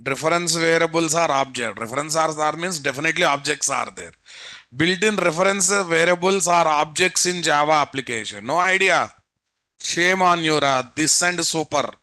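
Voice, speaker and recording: A man's voice: on the high side, moderate pace, sharp tone. A man with an Indian Telugu accent giving a live technical lecture, prodding students with repeated questions. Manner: prodding, repetitive rhetorical questions. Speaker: programming instructor.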